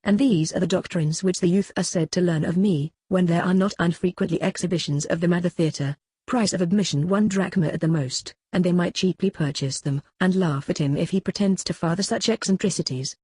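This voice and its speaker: A reader voicing an aged philosopher on trial, cross-examining his accuser in a measured, questioning way in a dramatic reading. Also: mid-range voice, a little mellow, husky, close to an everyday voice. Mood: probing. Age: older. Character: aged male philosopher on trial, probing, ironic. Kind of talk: dramatic reading of a classical dialogue.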